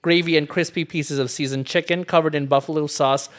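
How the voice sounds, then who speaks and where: A man's voice: on the high side, steady tone, a little fast. A man co-hosting a podcast in casual chat, quizzing his friend, laughing often and hunting for words. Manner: giggly, quizzing, loses words mid-sentence. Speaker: podcast co-host, quizmaster.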